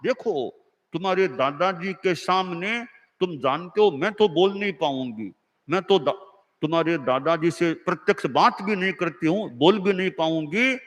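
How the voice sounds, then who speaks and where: A man's voice: sits high, normal speed, fairly bright tone. A man voicing a devout mother who earnestly instructs and urges her young son, in a story told with long hall reverb. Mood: urging.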